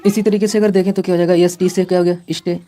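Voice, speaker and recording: A woman teaching a phonics lesson, patiently sounding out words slowly and repeating them. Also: on the low side, little pitch movement, warm tone. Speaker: English teacher.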